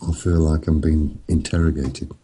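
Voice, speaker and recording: A middle-aged man, an author, chatting casually in a slow, rambling, storytelling way with a chuckle here and there. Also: fairly even intonation, dark tone, poor audio. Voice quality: very deep gravelly voice. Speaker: author and podcast guest. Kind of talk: casual chat.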